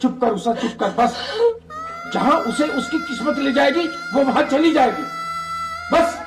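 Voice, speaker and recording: Harsh village father, played by a man, lively pitch, roomy sound with music behind. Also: moderate pace, exaggerated voice. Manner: gruff, dismissive. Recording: echoey room with music.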